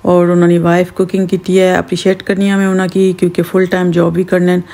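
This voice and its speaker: A woman's voice: on the low side, completely flat delivery, fast talker, mellow. A Pakistani woman chatting casually and expressively as she vlogs about her day in a homely way. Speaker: vlogger. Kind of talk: casual vlog chat. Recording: noisy phone vlog with vehicle sounds.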